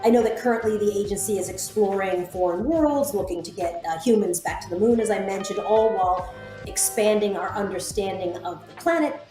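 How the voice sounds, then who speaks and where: A woman interviewer leading a conversation in a thoughtful, slightly halting way. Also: medium pitch, warm tone, reverberant, faint music behind, rough recording.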